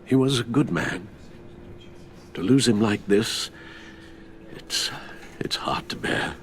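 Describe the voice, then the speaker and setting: An older actor with a British accent playing a loyal, grave elderly butler in a video game drama. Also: male voice, medium pitch, unhurried, a little mellow, slight background noise, close to an everyday voice. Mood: sorrowful. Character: loyal elderly male butler, sorrowful and indignant.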